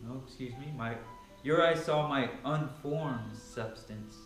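Speaking slowly in a medium-pitched voice with soft music in the background, a man reads the Bible at home. He begins casually and then reads scripture dramatically. A camera a few metres away records him in a big, sparse living room, where his voice echoes and sounds far off.

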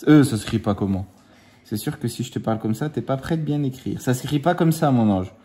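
A man's voice: medium pitch, dark tone. A man chatting casually at home while scratching lottery tickets, teasing his kids and drawing out the numbers. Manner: playful, teasing, drawn-out number counting. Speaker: scratch-card vlogger. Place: at home with his children nearby.

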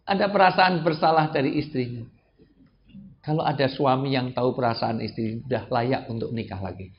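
A male preacher gives a humorous religious lecture at normal speed in a medium-pitched voice, joking with the audience and acting out the people he quotes. The sound is dull and lo-fi with faint noise.

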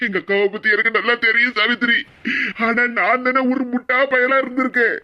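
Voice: mid-range voice, steady tone, a little fast, dull audio, natural voice. A voice actor playing a remorseful, tearful middle-aged cartoon husband in Kanyakumari Tamil who laments and repeats himself. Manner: lamenting, repeats phrases mournfully. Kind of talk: cartoon comedy voice acting.

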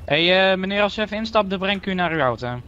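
A man voicing a calm male police officer in game role-play, soothing and a little hesitant, with a Dutch accent. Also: high-pitched, fast talker, highs cut off, a little hiss or hum. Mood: polite. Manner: calming, hesitant.

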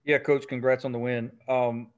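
A man asks a coach a question at a press conference in a polite, measured tone. His audio comes through a bit dull and lo-fi. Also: medium pitch, flat delivery, clear, resonant tone. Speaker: reporter.

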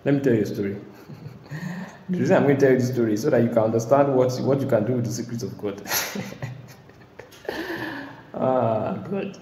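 A male preacher delivering a sermon with insistent emphasis, suddenly rising to shouts before dropping back down. His voice sits at an ordinary pitch and rings through a reverberant hall. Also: normal speed, long pauses, a little hiss or hum. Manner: emphatic, bursts into shouting and laughter. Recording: echoey hall.

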